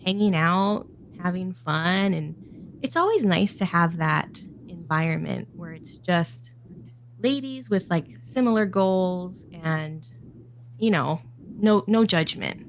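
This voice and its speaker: A woman's voice: lowish voice, lively intonation, slow. Chatty lady talking workouts, laughs a lot, faint noise behind. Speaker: guest mom. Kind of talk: casual chat.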